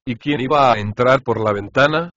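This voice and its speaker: A man's voice: medium pitch, normal speed, fairly bright tone, dry recording, lightly acted. A man voicing a poor, overworked female cook who complains and pleads with her master in a storybook reading, on a dry, slightly dull recording. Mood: complaining.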